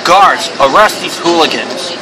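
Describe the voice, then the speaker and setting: A man's voice: fairly high pitch, animated, unhurried. Man putting on a pompous, vengeful prince, noisy recording. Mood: imperious. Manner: pompous, imperious, calls himself "one". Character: haughty, vengeful young royal prince. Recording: clearly noisy background.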